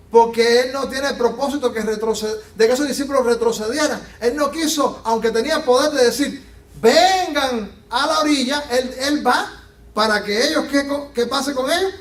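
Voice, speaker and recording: A man preaching a sermon as pastor, animated and acting out the Bible scenes he tells. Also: very high voice. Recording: echoey room from a distance.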